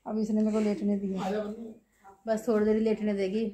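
A woman talking softly to her children and the camera at home late at night, recorded on a phone. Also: mid-range voice, level tone, moderate pace, slight background noise. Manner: soft, coaxing talk to children at night. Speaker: vlogger, mother. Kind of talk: casual home vlog.

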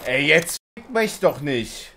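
A man rages through a gaming session with outraged, loud outbursts. His pitch swings dramatically as he yells and swears at teammates, with faint game noise behind him. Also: expressive, slow pace. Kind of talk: casual gaming chat with teammates.

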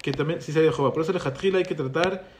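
Guy teaching a law class, quizzes the room, slightly high voice, faint hiss behind. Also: rapid-fire, darkish tone. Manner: explains patiently, asks the class questions. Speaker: rabbi teaching halakha class. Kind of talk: Torah class with student questions.

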